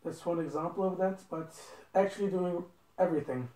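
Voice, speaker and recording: A young man from Belgium talks through a casual interview, earnest and repeating himself for emphasis. His voice sits high and mellow. It is caught by a phone across a living room, so it sounds roomy and distant. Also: brisk. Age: 20s. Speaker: interview guest. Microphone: phone camera across a table.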